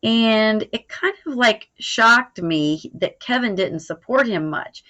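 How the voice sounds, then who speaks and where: Speaking slowly but with plenty of animation, a woman whose voice is on the high side and a bit bright explains a recorded lesson as a teacher. Her tone is informal, and she often checks in with "all right." The audio is dull and lo-fi.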